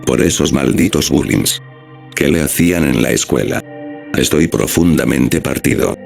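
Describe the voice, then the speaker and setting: A man voicing a gruff, grieving middle-aged father, read in a plain storytelling manner over music. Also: extremely low pitch, moderate pace, heavily acted. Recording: music playing underneath.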